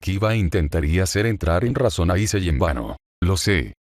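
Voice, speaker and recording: A man narrating a fan story in a steady, dramatic storytelling manner. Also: sits low, brisk, no echo, clean studio sound.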